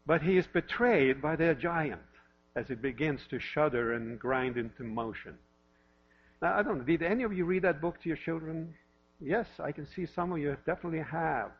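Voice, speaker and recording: A man's voice: on the high side, moderate pace, breathy edge. A pastor in his fifties, originally from Norway, gives a sermon in a church with light self-deprecating humor, asking the same questions again and again. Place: church sanctuary. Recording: lo-fi with mains hum.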